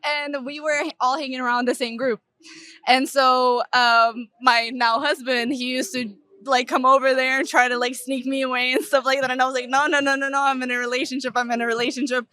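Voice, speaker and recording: Young woman from Russia, interviewee outdoors in a park, chatty, lots of "like", higher voice, dry close sound. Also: flat delivery, a little fast, sharp tone, clean tone, no echo. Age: young adult. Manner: chatty, heavy use of "like", laughs often. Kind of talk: casual chat.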